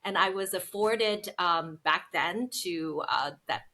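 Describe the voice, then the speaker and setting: Her pitch is fairly low and her pace slow, with a pushed, bright quality. The woman, a business founder from Seattle, United States, chats through her story as a guest in a relaxed interview, saying um often.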